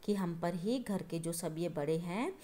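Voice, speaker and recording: A woman's voice: fairly low pitch, a little slow, warm tone. A woman teacher explaining a poem to young children, repeating each point patiently and often stopping to check that they follow. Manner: patient, repetitive explaining with frequent checking asides; addresses listeners as children. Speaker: schoolteacher.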